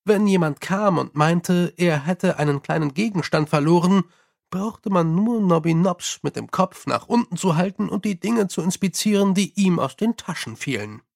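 A man reading a novel aloud as an audiobook narrator, with expressive, lively storytelling. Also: sits high, normal speed, vocal fry. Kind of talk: scripted narration.

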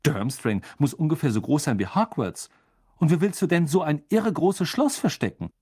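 Brief: Mann spricht maulenden, skeptischen Jungen im Teenageralter. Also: male voice, on the high side, expressive, normal speed, a little mellow, husky, voice pushed up. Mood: mocking. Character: grumbling teenage boy, skeptical.

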